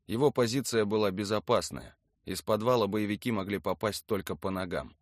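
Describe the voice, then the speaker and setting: A man narrating an audiobook in a lowish voice, steady and matter-of-fact. The recording is dry and close, with no room sound around it. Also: a little fast, no echo. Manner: even, matter-of-fact storytelling. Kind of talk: scripted narration of a documentary book.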